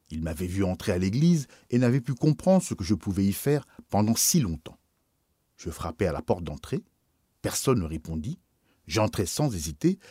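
A man's voice: lowish voice, warm tone, breathy edge, no echo, studio quality. A man reading a first-person memoir aloud in an earnest, solemn way. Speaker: audiobook reader.

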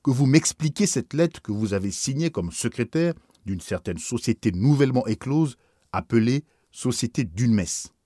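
A man's voice: mid-range voice, lively intonation, normal speed, warm tone, husky, no echo, studio quality. A man voicing a stern, indignant older bishop who scolds with haughty authority.

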